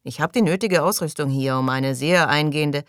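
A man reading an audiobook, voicing an irritable, pompous male colony doctor who speaks loudly and defensively. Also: on the high side, a little fast, clean tone, dry recording, studio quality. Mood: indignant. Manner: indignant, loud, defensive.

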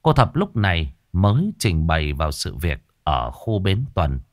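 Close to the microphone in a dry recording, a man narrates a horror tale. His low voice moves up and down with lively intonation, and he paces it in a measured, dramatic way.

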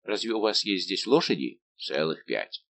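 A man voicing a big, good-natured, simple-minded old musketeer baron, talking slow and booming. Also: very animated, gravelly, exaggerated voice. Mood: hearty.

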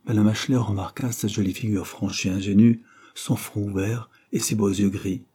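A man with a low, dark voice narrates a classic novel aloud. His tone is husky and mellow, and the reading is steady and measured. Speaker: audiobook narrator.

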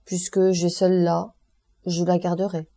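A woman's voice: fairly low pitch, completely flat delivery, measured pace, warm tone. A woman reading the part of an aloof, wealthy male count who speaks in an offhand, commanding way, in an audiobook. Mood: cool, offhand.

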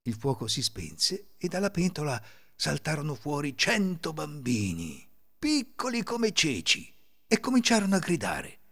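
A man hosting a podcast and narrating folk fairy tales in an expressive, lilting storytelling manner. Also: a little high, measured pace. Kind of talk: scripted fairy-tale narration.

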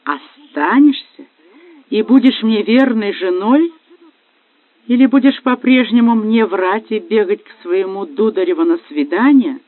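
A man's voice: high voice, unhurried, no room sound, voice pushed up. A man voicing a jealous husband who accuses his wife bitterly. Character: jealous angry husband, a police officer. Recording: dry, phone-like lo-fi.

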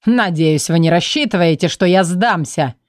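A spiteful old shapeshifter spits slow, hissing threats that climb into shrill shrieks, as a woman reads him. He sounds venomous and cornered in a fantasy audiobook. The recording is dry and close, with no room around the voice. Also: darkish tone, no room sound, lightly acted. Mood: mocking. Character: old male shapeshifter villain, hateful, shrieking.

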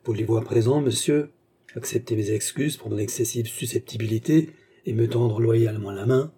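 A man playing a courteous English gentleman, formal, polished, mellow tone, breathy edge. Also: medium pitch, normal speed, close to an everyday voice. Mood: suave. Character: courteous English baronet, phlegmatic gentleman duelist.

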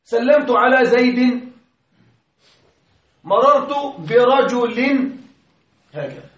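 A male grammar teacher giving a classroom lesson, patiently explaining, quizzing his students and chanting quoted verses slowly. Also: extremely high pitch. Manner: recites verses in slow measured chant. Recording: echoey classroom from far off.

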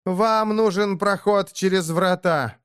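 A ruthless dark elf noblewoman, played by a male narrator speaks in a raised, hoarse voice full of cold disdain. The delivery is clipped and dismissive, and the recording is dry and close. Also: high voice, slow pace, no room sound, voice pushed up. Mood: threatening. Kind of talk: audiobook character voice.

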